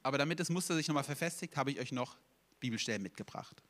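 A young man preaching a sermon, telling stories in a lively way and acting out quotes casually. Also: mid-range voice, quick pace.

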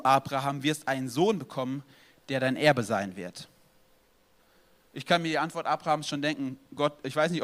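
A pastor preaching a sermon, lively and direct, acting out prayers and dialogue as he speaks to his congregation. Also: on the high side.

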